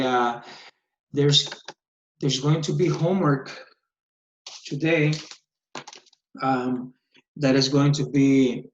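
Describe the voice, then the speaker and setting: A male teacher leads an online lesson, explaining patiently and step by step at a middling pitch. His voice reaches us through a screen recording of a video call. The computer mic makes it roomy and slightly dull. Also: a little hiss or hum.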